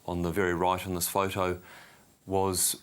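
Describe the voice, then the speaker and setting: A man with a New Zealand accent, an interview guest explaining and storytelling conversationally in halting, unhurried short phrases. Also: low-pitched, completely flat delivery, smooth. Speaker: winery general manager, interview guest.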